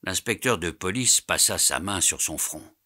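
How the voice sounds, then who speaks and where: A man narrating a classic novel as an audiobook, in a measured storytelling way. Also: low-pitched, expressive, sharp tone, breathy edge. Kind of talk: scripted narration.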